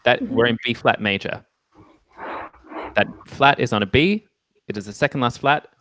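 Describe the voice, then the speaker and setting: A man's voice: medium pitch, moderate pace, fairly bright tone, dry recording. A man teaching music theory in a casual one-on-one lesson, chatty and explaining step by step, with playful jokes and self-teasing asides. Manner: chatty explaining with many ums and okays.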